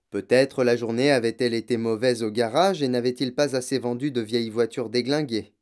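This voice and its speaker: A man reading a children's novel aloud as an audiobook, in measured, expressive narration. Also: mid-range voice. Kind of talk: scripted narration.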